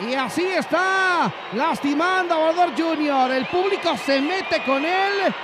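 High-pitched Mexican wrestling commentator man. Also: unhurried. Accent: Mexican Spanish. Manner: dramatic, emphatic calls. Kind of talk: excited lucha libre commentary. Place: large indoor wrestling arena. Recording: loud arena crowd noise behind.

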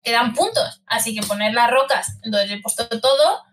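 High-voiced Spanish woman streamer. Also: normal speed, a bit bright, slight background noise. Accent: Spanish, mixed Madrid, Zaragoza and Andalusian traces. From Spain. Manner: chatty, laughs often, lots of fillers. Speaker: guest streamer. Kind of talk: casual chat.

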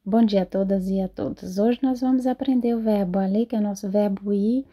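A woman teaching French in a slow lesson, repeating model sentences carefully. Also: mid-range voice, steady tone, warm tone. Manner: repeats phrases slowly and carefully. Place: lives in Europe.

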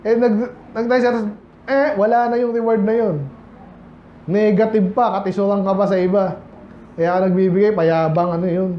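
High-voiced preacher in an echoey church. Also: male voice, fairly even intonation, moderate pace, a little hiss or hum. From Philippines. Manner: asks the congregation rhetorical questions and checks in often. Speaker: pastor. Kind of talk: conversational sermon. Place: church sanctuary. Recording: echoey church hall, slightly dull sound.

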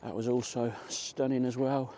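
A middle-aged vlogger chats casually during a walk in a country park, speaking at normal speed in a mellow, medium-pitched voice that barely moves in pitch. The recording carries faint outdoor ambience.

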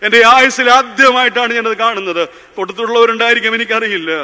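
Fiery high-voiced priest preaching. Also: male voice, steady tone, fast, sharp tone. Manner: impassioned, repeats lines for emphasis, mixes in English phrases. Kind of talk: sermon. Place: large convention hall. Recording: long reverb of a large hall.

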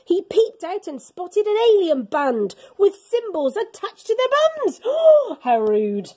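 Speaking in a very high, unhurried voice, a middle-aged woman gives an expressive picture-book read-aloud for children in an indoor school classroom. As a teacher would, she tells it dramatically and with animation, using gasps and whispers.

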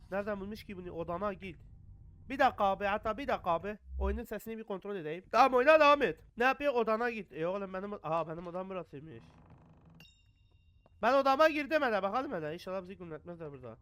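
Young male gaming commentator, bright smooth tone, easily spooked. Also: high-pitched. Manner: jumpy, swears and mutters prayers when scared. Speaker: gaming YouTuber. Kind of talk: horror game let's play commentary.

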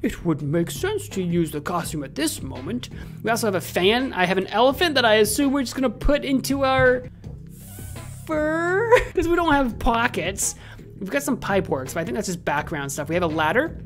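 A man in his thirties with a high voice plays through a game and talks as he goes. He is casual and jokey, thinking aloud close to the mic, with faint music behind him. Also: sing-song, a little fast. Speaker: gaming host. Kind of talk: casual playful game commentary. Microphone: desk microphone close to the mouth.

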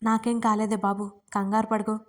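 A woman voicing a sharp-tongued young married woman who scolds her friend in an audiobook romance. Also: mid-range voice, level tone, moderate pace, lightly acted. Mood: irritated. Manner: scolding, snappy, exasperated. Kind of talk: audiobook character reading.

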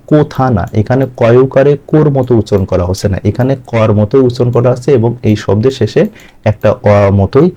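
A man with a Bangladeshi Bengali accent leads an exam-prep grammar lesson, posing questions and answering them himself while repeating words slowly. His voice is mid-range with a warm tone.

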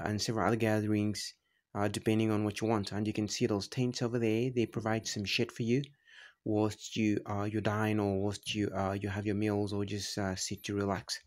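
A man narrating a travel vlog, describing the view in a halting way, with many fillers and restarts. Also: on the low side, flat delivery, a little mellow. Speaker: travel vlogger.

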